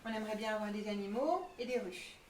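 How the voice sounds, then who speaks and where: A woman's voice: medium pitch, lively intonation, fast talker. A woman giving an informal spoken presentation of a project and answering questions. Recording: echoey room, distant mic, faint noise.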